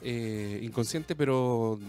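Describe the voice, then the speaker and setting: A man with a Chilean accent telling a story in casual chat, rambling and animated, full of slang. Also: medium pitch, takes it slowly, soft background music.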